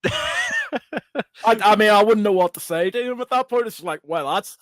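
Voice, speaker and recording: London male co-host, high-pitched, dry close-mic sound, sarcastic banter. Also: wildly swooping pitch, moderate pace, fairly bright tone, no echo. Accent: London English. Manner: sarcastic, swears freely. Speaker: podcast co-host. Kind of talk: casual chat.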